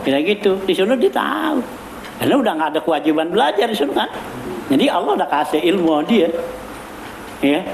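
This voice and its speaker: A man's voice: high voice, very animated, fairly quick, creaky, pauses often. A man giving an informal religious study lecture, talking casually with many fillers and chuckles. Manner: casual, repetitive fillers, chuckles while teaching. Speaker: cleric teaching a weekly religious study circle. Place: prayer hall. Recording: echoey hall with background noise.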